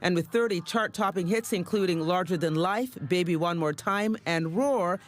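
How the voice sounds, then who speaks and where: A woman's voice: on the low side, moderate pace. A woman reporter narrating an entertainment news segment in an upbeat, playful way.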